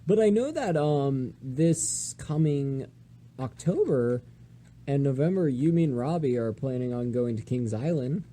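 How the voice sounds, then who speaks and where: A young man co-hosting a casual podcast, hyper and excitable, often losing his train of thought. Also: mid-range voice, unhurried. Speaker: podcast co-host. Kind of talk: casual chat.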